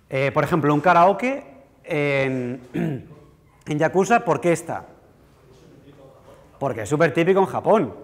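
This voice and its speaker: A man giving a university lecture in a conversational, self-deprecating way, often checking in with the audience. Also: on the high side. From Spain. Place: lecture hall. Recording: reverberant lecture hall.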